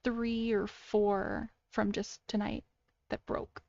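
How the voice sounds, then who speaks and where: A woman's voice: medium pitch, little pitch movement, slow, gravelly, a little mellow, no echo, dull audio. A tired, sleepy-sounding woman hosting a casual voice call, hesitant and full of ums and restarts. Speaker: video creator hosting a call.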